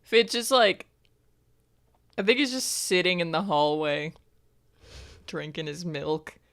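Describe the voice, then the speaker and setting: A woman's voice: on the low side, expressive, slow, a bit bright. A woman playing a tabletop role-play game, improvising casually and hesitantly as she describes her character.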